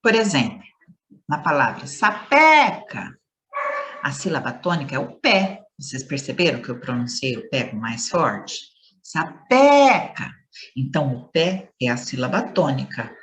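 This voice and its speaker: A woman's voice: very deep voice, animated, moderate pace, fairly bright tone. A woman teacher giving a playful lesson to schoolchildren, stretching words and leaning hard on stressed syllables.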